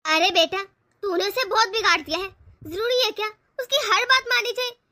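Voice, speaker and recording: In a homemade family drama, a woman plays a stubborn older mother-in-law who nags and scolds sternly. Her voice is very high-pitched, brisk and sharp.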